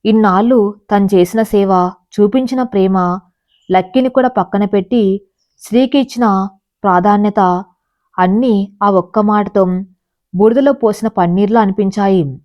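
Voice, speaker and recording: A woman narrating a scripted audio story in a slow, measured, emotional way. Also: medium pitch. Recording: dull lo-fi recording.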